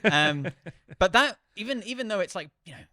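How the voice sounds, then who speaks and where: A man co-hosting a casual podcast chat, easygoing and quick to laugh, often dropping into quiet mutters. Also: high voice, animated, no echo, clean studio sound. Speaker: podcast co-host and filmmaker.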